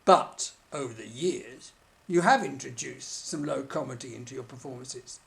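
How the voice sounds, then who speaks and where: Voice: medium pitch, moderate pace, creaky. An interviewer speaking formally and politely, keeping a straight face through a scripted comic studio interview.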